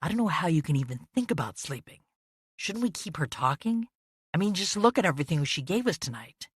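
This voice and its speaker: A man's voice: a little high, big pitch swings, a little fast, fairly bright tone, breathy edge, dry recording, studio quality, full character voice. A woman narrator voicing a frustrated, restless husband who snaps defensively in an audiobook. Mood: pleading. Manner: snappish, defensive.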